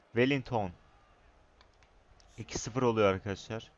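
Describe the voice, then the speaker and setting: A young man commentating his own football video game match, excitable, shouting at his players and chatting to viewers. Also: fairly low pitch, unhurried, highs cut off. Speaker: gaming YouTuber.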